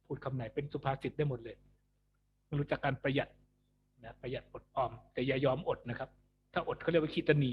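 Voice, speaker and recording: Alone in an empty school building, a man records an online music lesson, chatting, joking and laughing at his own jokes. His voice is mid-range, and there's a little hiss or hum.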